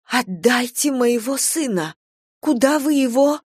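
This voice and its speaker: A woman's voice: high-pitched, expressive, unhurried, breathy edge, no echo, studio quality, voice pushed up, heavily acted. A woman voicing a frantic young mother, panicked and pleading as she searches for her missing son. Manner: panicked pleading, rising to shouts.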